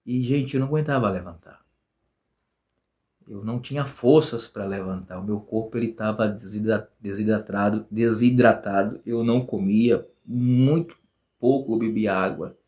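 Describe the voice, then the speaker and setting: A man's voice: fairly low pitch, normal speed, darkish tone. A man from Bahia with a Bahian accent, a guest telling a personal testimony in an earnest, emotional way and repeating phrases for emphasis. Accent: Bahian Portuguese. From Bahia, Brazil.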